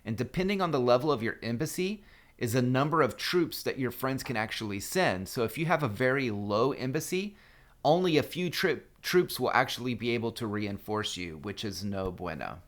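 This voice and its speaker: A man's voice: medium pitch, lively intonation, moderate pace. A man casually talking through a mobile strategy game guide as a screen-recorded voice-over, loose and full of fillers and restarts.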